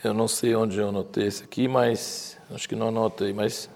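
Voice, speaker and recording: A man with a Brazilian Portuguese accent teaching the Bible in a conversational, informal way, reading scripture slowly and emphatically and dwelling on its irony. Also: on the low side, creaky. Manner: animated, informal, leans into irony and sarcasm.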